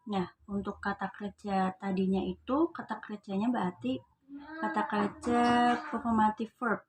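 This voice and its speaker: A woman's voice: mid-range voice, background noise. A young female student from Indonesia with an Indonesian accent, giving a class presentation. She reads English definitions and then explains them in casual, chatty terms. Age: young adult.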